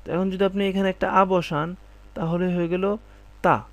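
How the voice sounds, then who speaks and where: A man with a somewhat high voice teaches French pronunciation. He speaks each French phrase slowly and deliberately, then explains it plainly. He often stops to ask whether his listeners understand. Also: level tone, fairly bright tone, no room sound. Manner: often checks understanding with "ঠিক আছে?" and "d'accord?". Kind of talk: spoken language lesson.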